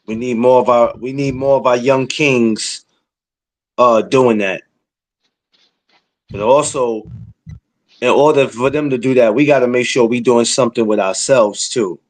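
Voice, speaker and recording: A blunt man in his forties hosts a casual podcast. He talks in streetwise slang and lectures a little as he gives advice. His voice sits at an ordinary pitch. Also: steady tone, unhurried, pauses often. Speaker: podcast host.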